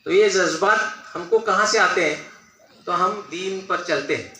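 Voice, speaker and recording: A man's voice: high-pitched, unhurried, bright, forceful tone. An older man giving an earnest, anecdote-filled public speech as a guest speaker at a school function. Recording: echoey hall, voice from far off.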